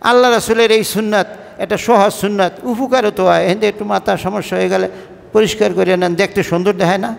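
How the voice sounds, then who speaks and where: A man's voice: high-pitched, steady tone, fast talker, vocal fry, big-room sound. A man from Bangladesh's Barishal region, speaking with a Barishal-tinged Bengali accent, preaching a Friday sermon. He talks conversationally, mixing colloquial and formal speech, and keeps asking the congregation questions. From Barishal-Patuakhali region of Bangladesh. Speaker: imam preaching.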